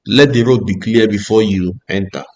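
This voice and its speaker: A man teaching a driving theory lesson, reading each rule aloud and then explaining it patiently, often checking understanding with a quick "Ok?". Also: fairly low pitch, darkish tone.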